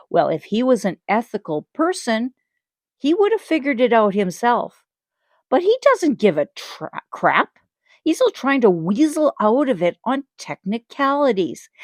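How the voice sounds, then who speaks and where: A woman's voice: on the high side, darkish tone, dry recording. A woman hosting a channel, giving critical commentary in a blunt, indignant way. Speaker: channel host.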